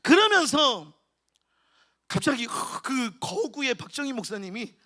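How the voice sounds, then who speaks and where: A male pastor, preaching a lively storytelling sermon to a youth camp and acting out the people he quotes. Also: very high-pitched, takes it slowly. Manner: storytelling, acts out quotes with shouts and laughs. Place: church hall at a camp.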